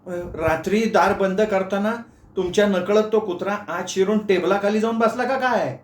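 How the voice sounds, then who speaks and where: A man's voice: high-pitched, moderate pace, voice pushed up, lightly acted. A male storyteller voicing a panicky young woman of twenty-two who stammers in fright, in an echoey room. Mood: anxious.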